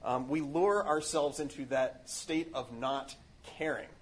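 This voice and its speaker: A man's voice: medium pitch, measured pace, slightly rough. A man giving a casual, earnest spiritual reflection on a book, rambling with many fillers and restarts.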